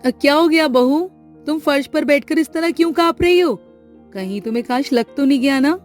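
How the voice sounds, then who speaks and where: Woman doing a calm, kind mother-in-law, gentle, animated storybook. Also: high-pitched, moderate pace, faint music behind, pitched above the performer's own voice, natural voice. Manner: gentle, reassuring. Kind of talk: storybook voice acting.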